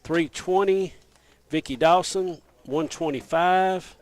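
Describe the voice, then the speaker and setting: A man hosting a local radio auction, reading out winners' names and bid amounts in a steady rapid list. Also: fairly high pitch. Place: radio studio.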